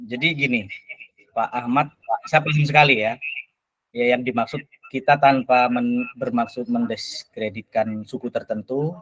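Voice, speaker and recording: A man, a teacher who is the guest on a talk show, telling stories in a lively, animated way. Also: measured pace, no echo, rough recording. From Lampung, Indonesia. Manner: animated storyteller, rises in pitch when excited. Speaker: teacher, invited guest speaker. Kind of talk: casual talk-show answer.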